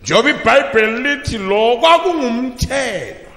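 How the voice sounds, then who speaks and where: Guy preaching at a pulpit mic, high bright voice, shouts then goes quiet, lots of hall echo. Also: animated, moderate pace, vocal fry. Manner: bursts into shouted emphasis, then drops low. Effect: preaching through a pulpit microphone. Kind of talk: sermon. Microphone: pulpit microphone. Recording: long reverb of a large hall.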